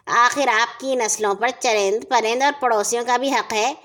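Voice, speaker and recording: A woman's voice: a little high, fairly even intonation, a bit bright, lightly acted. A woman voicing a smug, shameless male neighbor in a children's story, talking sweetly and brazenly. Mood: preachy.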